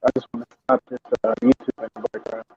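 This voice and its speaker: A man's voice: mid-range voice, level tone, fast, a little mellow, breathy edge, dry recording. A man calling into a live chat, his voice breaking up on a choppy call line as he talks in a laid-back, offhand way. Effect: choppy call audio that keeps breaking up. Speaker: caller joining a live chat. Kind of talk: casual chat. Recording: muffled lo-fi call line with faint music behind.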